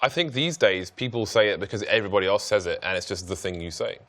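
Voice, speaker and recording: A man's voice: lowish voice, expressive, fast, fairly bright tone. A man commentating an esports match from a studio, with dry, sarcastic wit in his banter. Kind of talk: casual play-by-play commentary.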